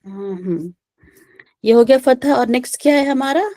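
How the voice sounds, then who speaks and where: A woman's voice: sits high, animated, a little mellow, dry recording, studio quality. A woman teaching recitation in an online class, patiently drilling short vowel sounds and checking with students. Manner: patient, repeats "theek hai" often, drills sounds slowly. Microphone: video call.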